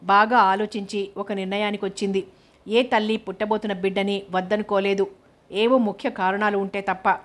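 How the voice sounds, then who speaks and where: A woman narrates a novel in a steady, measured reading. Her pitch sits in the middle range, and her melody barely moves, so the narration comes across as level and even throughout. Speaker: audiobook narrator.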